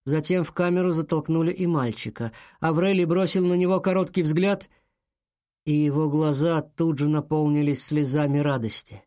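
A man reads a children's adventure story aloud in a measured, storytelling delivery. His voice sits a little high for a man. The recording is close and dry, with no room sound. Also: a little mellow, no echo. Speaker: narrator. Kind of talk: audiobook narration.

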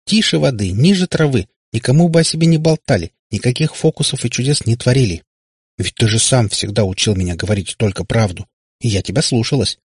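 A man voicing a sharp-tongued, indignant teenage girl in an audiobook, with a raised, husky voice. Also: mid-range voice, expressive, brisk, no echo, studio quality. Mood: scolding.

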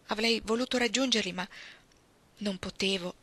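A woman reading aloud and voicing an elderly, chatty, gentle old woman who talks fondly about food and her dreams. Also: mid-range voice, normal speed. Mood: wistful. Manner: chatty, fond storytelling.

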